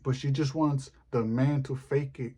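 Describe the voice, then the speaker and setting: A man performing a rambling, deadpan stand-up comedy monologue. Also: mid-range voice, measured pace, breathy edge.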